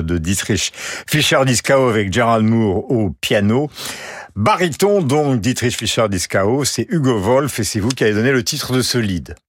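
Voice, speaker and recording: A male radio host presenting recordings on a music show in a polished, measured way. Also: fairly low pitch, dry recording, clean studio sound.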